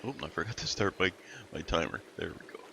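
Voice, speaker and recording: A man with a gravelly early-morning voice gives casual commentary over a game he is playing, rambling and muttering to himself as he goes. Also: low voice, lively intonation, a little fast, sharp tone, slight background noise. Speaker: let's play host.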